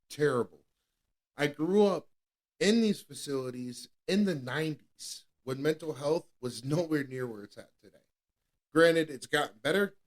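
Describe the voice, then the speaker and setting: A New England man in his thirties, co-hosting a podcast, shares a candid personal testimony. His voice sits on the high side, and he's earnest and repetitive, frequently restarting sentences.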